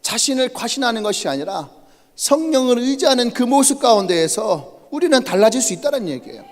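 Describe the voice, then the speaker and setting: A man with a high, lively voice preaching a sermon in an animated way. He asks his congregation questions as he goes. His voice rings with the long reverb of a church hall. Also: brisk. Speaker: pastor. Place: church sanctuary.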